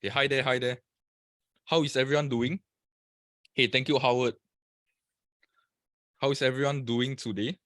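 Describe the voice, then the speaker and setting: A man's voice: medium pitch, fairly even intonation, normal speed, pauses often, fairly bright tone, dry recording. Guy from singapore running an online webinar, chatty, dry close sound. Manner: chatty, greets viewers by name. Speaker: trading webinar presenter. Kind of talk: live webinar talk.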